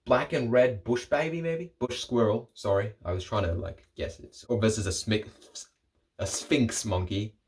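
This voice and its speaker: A young man with a lowish voice rambles through casual solo commentary for his video channel. He jokes as he goes and keeps breaking off his own sentences. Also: moderate pace, a little mellow. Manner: rambling, jokey, self-interrupting. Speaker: vlogger.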